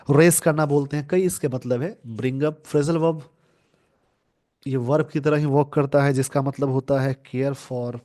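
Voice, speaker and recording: A male English teacher explaining a newspaper editorial to exam students. He reads English sentences slowly, then explains them word by word and tells viewers what to note down and remember. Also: mid-range voice, warm tone.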